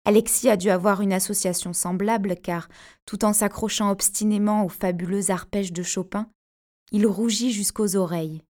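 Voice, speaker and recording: A woman's voice: medium pitch, steady tone, normal speed, darkish tone, lightly acted. A woman voicing an anxious young pregnant wife in an audiobook, speaking in intense, fragmented phrases. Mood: reflective. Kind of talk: audiobook character narration.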